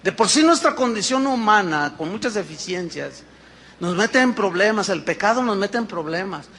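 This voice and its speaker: A man, his voice high and bright, acting out quick dialogues and firing rhetorical questions. A faint noise sits behind him. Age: 50s. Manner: animated preaching with acted-out dialogues and rhetorical questions. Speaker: pastor. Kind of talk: sermon.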